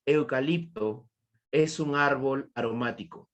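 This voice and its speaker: A man's voice: medium pitch, a little slow, lo-fi sound. A man teaching an online class with a Peruvian Spanish accent, repeating his points and asking students questions. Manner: repetitive, questioning students, praising answers.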